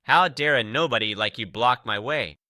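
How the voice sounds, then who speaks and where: A man's voice: medium pitch, lively intonation, moderate pace, bright, forceful tone, no echo, clean studio sound. A man reading an arrogant swordsman, haughty and threatening. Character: arrogant, quick-tempered male master swordsman.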